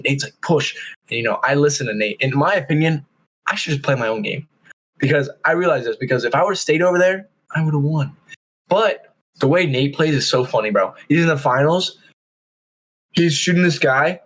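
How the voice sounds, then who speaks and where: A young man with a slightly high voice talks on a casual podcast. He tells his stories with energy and acts out the lines of the people in them, in a loose, conversational way. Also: poor audio. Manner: animated storytelling, acting out quotes. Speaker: podcast co-host. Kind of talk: casual chat.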